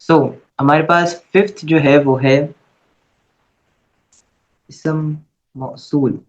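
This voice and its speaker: Teaching Arabic grammar in an online class, a man speaks slowly at a fairly high pitch with fairly even intonation. The audio is dull. He is patient throughout, frequently asking "okay" to check that the students have understood.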